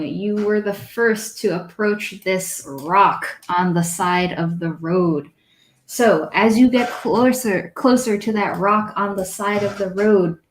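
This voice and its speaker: A woman narrating as dungeon master in an unhurried, descriptive way, with small self-corrections. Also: medium pitch. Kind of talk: narrating a tabletop game. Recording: echoey room.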